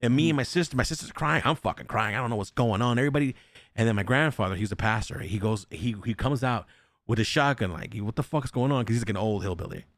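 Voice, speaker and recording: A man's voice: mid-range voice, quick pace, no room sound. A young man hosting a podcast, telling a ghost story casually, swearing often and acting out the voices of the people in it. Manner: animated, swears often, acts out quotes. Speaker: podcast host.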